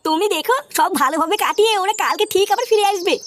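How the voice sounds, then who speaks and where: Female actor: bickering cartoon mom, squeaky high and fast, over background music. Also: no echo. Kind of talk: cartoon voice acting. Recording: cartoon dub with music behind.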